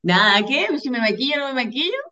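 A woman's voice: fairly high pitch, very animated, fast talker, sharp tone, highs cut off. A woman from southern Chile, a guest anthropologist, answering questions hesitantly with many fillers. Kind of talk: casual interview.

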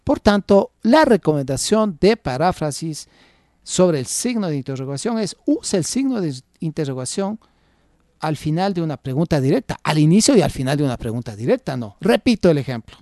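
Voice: moderate pace, no room sound, clean studio sound. A radio host teaching academic writing who reads punctuation marks aloud, repeats each example and drops in "ajá" asides. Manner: lively, varied pitch with frequent "ajá" asides.

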